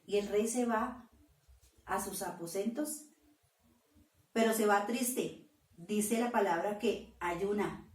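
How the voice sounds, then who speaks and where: A woman preaching a sermon, retelling scripture slowly and with emphatic stress. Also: medium pitch, a little mellow. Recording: roomy sound from a distant mic.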